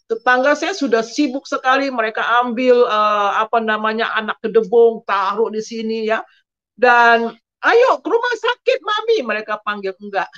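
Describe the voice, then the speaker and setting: A middle-aged woman telling her personal testimony, often addressing listeners directly and pausing with fillers. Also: on the high side, a bit bright. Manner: addresses listeners as "saudara", storytelling with pauses and fillers. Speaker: testimony speaker. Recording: dull lo-fi recording.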